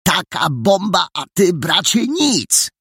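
Guy doing a high breathless kid, all excited, kinda husky underneath. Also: unhurried, no room sound, clean studio sound, full character voice. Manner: shrill excited shouting. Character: excitable breathless boy detective.

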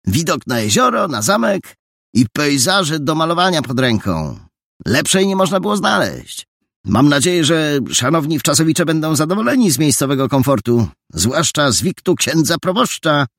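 A man's voice: on the high side, very animated, vocal fry, no room sound, studio quality, pitched above the performer's own voice, full character voice. A man doing a cheeky, chatty teenage boy. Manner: bright, quick, salesman-like patter.

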